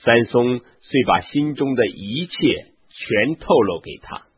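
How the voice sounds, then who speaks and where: A man reading a scripture story aloud in a measured, solemn way, over a tinny phone-like line. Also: mid-range voice, expressive, husky. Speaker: scripture reader.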